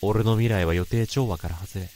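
A man with a lowish, mellow voice speaks at a moderate pace, acting only lightly. He narrates a radio drama and plays a tormented office worker who can hear other people's thoughts, moving from brooding inner monologue and guarded dialogue into frantic outbursts.

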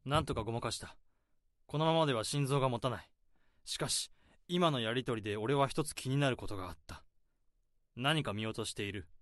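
Close to an everyday voice, this mid-range, fairly bright male actor voices an overworked, nervous office drudge with a secret in a narrated radio drama, alternating flustered talk with tense inner monologue. He's fairly quick but pauses often, recorded clean in the studio without echo.

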